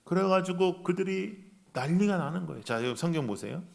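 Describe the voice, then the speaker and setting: A man preaching a revival sermon in a church, acting out voices in his story and shifting between loud outbursts and hushed lines. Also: high voice, animated, a little fast, gravelly. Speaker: guest preacher. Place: church sanctuary.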